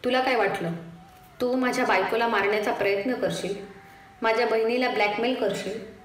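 A woman's voice: on the high side, fairly even intonation, normal speed, far from the mic, lightly acted. A woman reading as a stern male police officer. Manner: firm, threatening. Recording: echoey room, faint noise.

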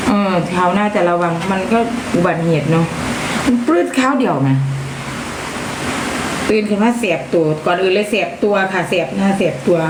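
A middle-aged woman with an Isan accent chatting casually on a live stream, thanking viewers and mixing dialect words into her talk. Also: mid-range voice. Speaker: livestream seller. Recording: echoey room with background noise.

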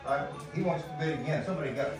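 Chanting numbers in a quick, repetitive rhythm, a man with a slightly high voice runs a live auction, talking very fast over background music. He's in an echoing metal-walled storage corridor, recorded from a camera a few metres off.

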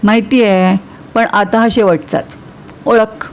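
A woman's voice: medium pitch, fairly even intonation, slow pace, a little hiss or hum, close to an everyday voice. A woman reading as a cool, evasive young man. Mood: teasing. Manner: cool, matter-of-fact.

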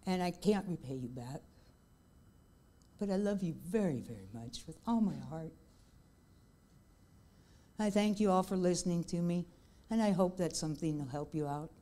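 Mellow-voiced older woman giving testimony. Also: lowish voice, lively intonation. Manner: heartfelt, slow when emphatic. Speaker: church member giving testimony. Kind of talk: church testimony. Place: church.

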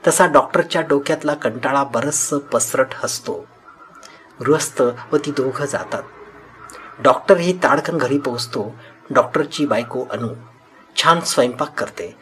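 A man narrating a story in a calm, measured way. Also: mid-range voice.

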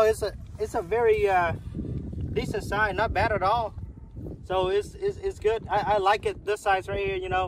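High-voiced man narrating from a windy canoe. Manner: chatty, repeats himself, points things out as he works. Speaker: fishing vlogger. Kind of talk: casual play-by-play narration. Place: canoe on an open lake, outdoors. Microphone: camera mounted on the canoe, a few feet away. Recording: windy outdoor lake noise. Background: wind and lapping water.

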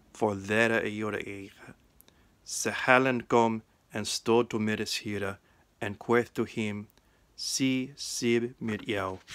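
A middle-aged man reading the Gospel aloud in Old English pronunciation, in a measured, deliberate recitation. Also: fairly low pitch, fairly bright tone, clear, resonant tone, no echo. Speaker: reader. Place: small indoor room. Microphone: phone at arm's length.

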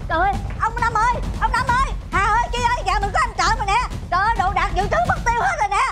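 A woman's voice: extremely high pitch, lively intonation, racing. An actress playing a frantic older mother who wails and scolds her husband. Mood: panicked. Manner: wailing, scolding, melodramatic outbursts. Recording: loud background music score.

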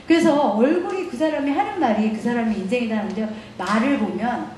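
Brief: middle-aged woman lecturer, lively and laughing, higher voice, echoey hall. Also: fairly quick, slight background noise. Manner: animated storytelling, laughing often. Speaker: guest lecturer.

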